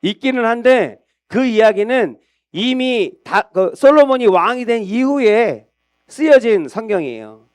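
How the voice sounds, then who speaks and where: A man's voice: very high-pitched, sing-song, unhurried, clean tone, no echo, clean studio sound. A male pastor preaching a sermon, retelling a scripture story in a conversational storytelling manner.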